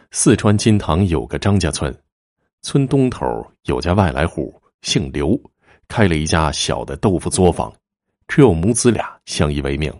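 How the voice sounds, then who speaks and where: A man narrating a folktale in a lively storyteller manner. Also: sits low, no room sound, clean studio sound.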